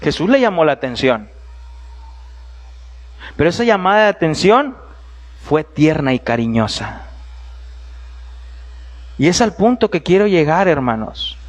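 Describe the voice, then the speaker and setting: A man preacher giving a sermon in a church, animated and storytelling, with humorous asides and direct address to his listeners. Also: a little high, unhurried, long pauses.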